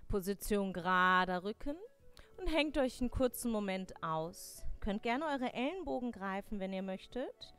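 A young woman teaching a live yoga class, giving clear step-by-step cues on breath and posture, with playful corrections to her students. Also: fairly high pitch, animated, normal speed, hardly any pauses, darkish tone. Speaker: yoga instructor. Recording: faint music behind.

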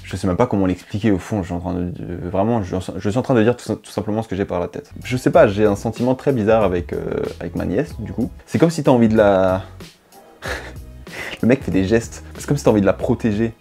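Talking fairly quickly in a low, gravelly, dark and slightly rough voice, a young YouTuber rambles about his year to camera over soft background music. The off-the-cuff monologue is slangy and self-deprecating, recorded on a lapel mic in a dim indoor bedroom studio.

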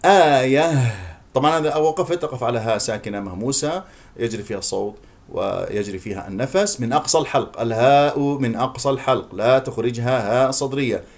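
A man giving a Quran recitation lesson in a mid-range voice. He stretches each model word out slowly, then explains the rules in quick bursts. He often repeats the wrong form before the right one. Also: mid-range voice. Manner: slow drawn-out demonstration of words, then quick explanations.

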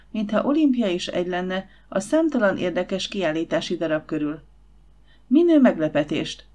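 A woman narrating an audiobook in a steady, clear storytelling voice. Her pitch sits slightly low for a woman. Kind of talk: scripted narration.

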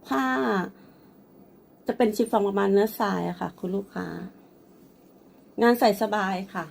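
A woman's voice: medium pitch, a little slow, creaky, a little mellow, slight background noise. A woman presenting and selling a blouse, speaking politely and addressing the customer often. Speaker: online clothing seller. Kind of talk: product showcase sales pitch.

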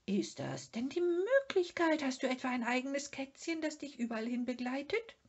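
A woman's voice: high-pitched, very animated, normal speed, highs cut off, pitched above the performer's own voice. A woman voicing a friendly, curious young male storybook creature who asks easygoing questions.

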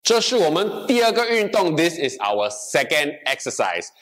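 Lively bilingual man leading a workout. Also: on the high side, moderate pace. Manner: switches between English and Mandarin line by line, counting reps. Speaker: fitness instructor. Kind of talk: bilingual exercise class instruction. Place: bright indoor gym room with treadmill.

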